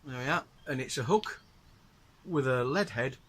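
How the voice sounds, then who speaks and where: The host is a middle-aged northerner with a Northern English accent, showing off his gear and chatting patiently to viewers in a relaxed demonstration. His voice sits at a medium pitch with a fairly bright, breathy tone, and he keeps a moderate pace.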